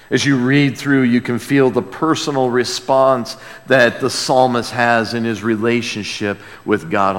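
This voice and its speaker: A male preacher with a medium-pitched voice gives an expository sermon that includes a dramatic scripture reading. He is emphatic and reverent, moving from loud proclamation to hushed emphasis, and the recording carries the long reverberation of a hall.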